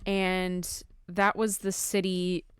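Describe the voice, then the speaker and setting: A woman's voice: fairly low pitch, flat delivery, slow pace, clean tone, no echo, studio quality. A woman hosting a podcast, recapping in an informal, giggly, chatty way. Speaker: podcast host. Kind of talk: casual chat, recapping a talk.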